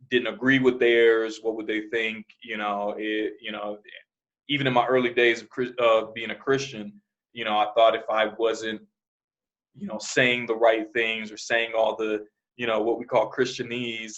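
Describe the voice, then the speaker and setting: A man from New Jersey, raised in Arizona, talks as a podcast guest. His voice sits a little low and wanders through his thoughts with plenty of "you know" fillers. The recording is dull and muffled. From born in New Jersey, raised in Arizona. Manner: relaxed, rambling, with many "you know" fillers. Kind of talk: casual interview.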